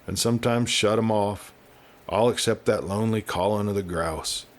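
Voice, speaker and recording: A man with a fairly low voice reads a scripted western story as an audiobook narrator, phrasing it deliberately and expressively.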